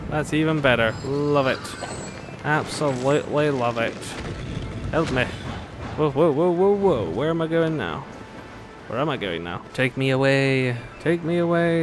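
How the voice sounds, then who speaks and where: A gamer with a mid-range voice commentates a playthrough against a noisy background and game music. He keeps it casual, tossing in teasing, sardonic remarks and bits of sing-song nonsense.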